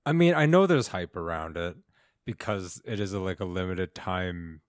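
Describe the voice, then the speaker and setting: A man co-hosting a casual podcast, laid-back and halting, often interrupting himself. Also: low voice, expressive, no echo, clean studio sound. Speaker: podcast co-host. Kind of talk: casual chat.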